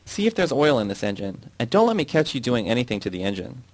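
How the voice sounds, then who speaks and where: A man's voice: mid-range voice, sing-song, fast talker, a little mellow. A man voicing a young, dumb and ruthless male foreman who bellows his orders, in a read-aloud story. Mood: furious.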